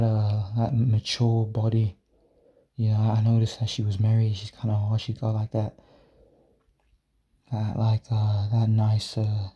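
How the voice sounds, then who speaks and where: A man telling a story to the camera in a casual vlog, rambling and halting, repeating words and swearing casually. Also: medium pitch, warm tone.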